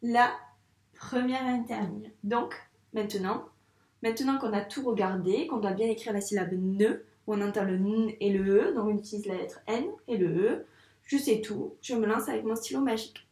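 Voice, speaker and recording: A young woman who teaches primary school speaks at medium pitch and a moderate pace, her tone darkish, while teaching young children handwriting. Patiently, she asks questions and answers her own prompts. The recording is reverberant.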